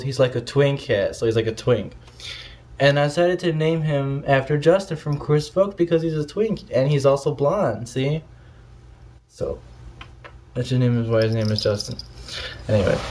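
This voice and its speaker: A man's voice: medium pitch, a little mellow. A stoned man rambling through a casual vlog rant, scattered and often losing his thread and trailing off.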